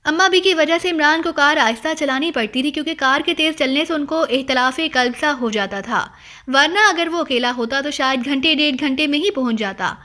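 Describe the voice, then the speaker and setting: A woman narrates an audiobook novel in a high, bright voice. She tells the story with steady expression. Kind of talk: scripted narration.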